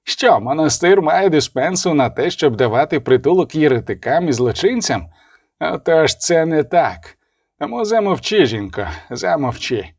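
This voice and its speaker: A man's voice: a little high, lively intonation, normal speed, vocal fry, no room sound, studio quality. A man voicing a haughty duke who gives orders in an imperious, commanding tone, in an audiobook reading.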